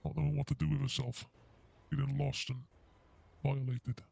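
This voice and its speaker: A man interviewed anonymously in a mock news segment, his voice disguised to sound deep and gravelly, speaking with over-the-top indignant outrage. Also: flat delivery, moderate pace, darkish tone, dry recording.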